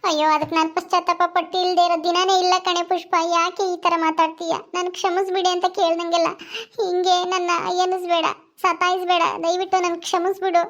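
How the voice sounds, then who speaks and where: A woman's voice: very high voice, little pitch movement, brisk, fairly bright tone, voice pushed up. A woman voicing a tearful young elder sister begging forgiveness in a family drama skit. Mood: tearful pleading. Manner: pleading, sobbing.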